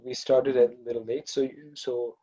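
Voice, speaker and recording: A man speaks in a flat, dark, husky voice, organizing an online class with relaxed, hesitant remarks. The audio is dull and lo-fi over the video call. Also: mid-range voice, normal speed. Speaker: event organizer.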